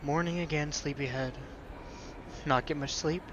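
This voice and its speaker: A man voicing a dry, teasing young woman friend, deadpan with sudden loud calls. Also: fairly high pitch, moderate pace, background noise, natural voice. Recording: dull lo-fi mic.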